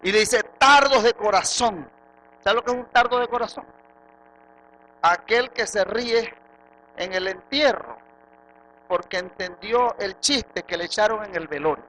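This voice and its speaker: A Venezuelan man preaches a church sermon in a high, piercingly bright voice. He drops into quiet asides, then rises to loud rhetorical questions. A faint background hiss sits under the voice. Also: a little slow, pauses often, low-quality recording. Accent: Venezuelan Spanish. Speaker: pastor. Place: church sanctuary.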